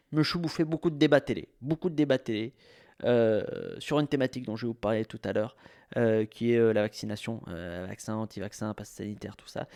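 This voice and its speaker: A man's voice: medium pitch, a little mellow. Rambling exasperated Frenchman musing aloud. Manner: rambling, self-mocking, exasperated. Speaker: podcast host. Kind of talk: casual monologue.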